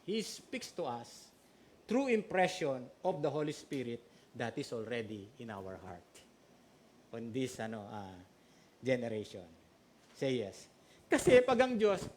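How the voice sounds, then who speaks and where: A man preaching a sermon, mixing in English, asking his listeners questions and acting out short quoted exchanges. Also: a little high. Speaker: pastor.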